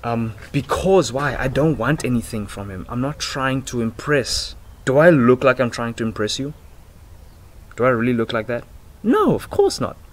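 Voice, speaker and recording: In a mid-range voice at normal speed, this twenty-something self-improvement vlogger delivers a rambling casual monologue, excitable and full of slang, swearing and giggles. The noisy outdoor recording comes from a laptop's built-in mic at arm's length on a house porch.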